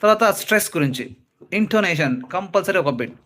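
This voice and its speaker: Bright-voiced man teaching phonetics. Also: high-pitched, animated. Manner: explains patiently, repeating sounds and words slowly; mixes English terms into Telugu speech. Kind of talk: exam-prep lesson with slides.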